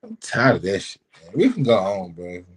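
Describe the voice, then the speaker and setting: A man's voice: deep voice, sing-song, normal speed, husky. Profane, passionate male podcast co-host. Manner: passionate, profane, repeats "man". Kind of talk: casual podcast chat.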